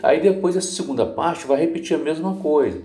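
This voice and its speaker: A man's voice: a little high, animated, brisk. A man teaching a guitar lesson, explaining patiently step by step and singing short lines to show each chord change. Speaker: music teacher. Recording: roomy sound, guitar playing under the voice. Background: acoustic guitar.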